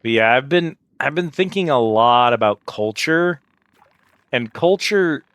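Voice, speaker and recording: A man's voice: medium pitch, expressive, measured pace, fairly bright tone, smooth, no echo. A man hosting a livestream, chatting casually over a game in a rambling, reflective way and often searching for words. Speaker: livestream host. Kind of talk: casual livestream chat while gaming.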